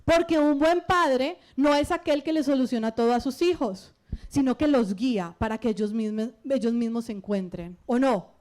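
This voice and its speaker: A middle-aged woman with a Colombian accent preaches with lively energy, often turning to the congregation with questions. Her voice sits high and bright. She moves quickly between statements and questions. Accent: Colombian Spanish. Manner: animated, asks the congregation questions. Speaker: pastor. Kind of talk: lively sermon.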